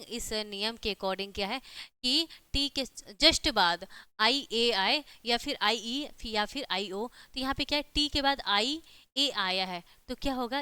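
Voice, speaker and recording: A woman's voice: a little high, pushed and bright, smooth, dry recording. A woman teaching an online exam-prep lesson, explaining step by step with frequent rhetorical questions and repeated check-ins.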